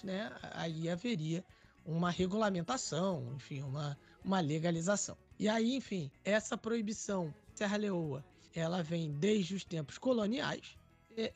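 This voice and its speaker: A man's voice: high-pitched, breathy edge. A Brazilian man co-hosting a podcast, discussing news casually and hesitantly, with many fillers. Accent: Brazilian Portuguese. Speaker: podcast co-host.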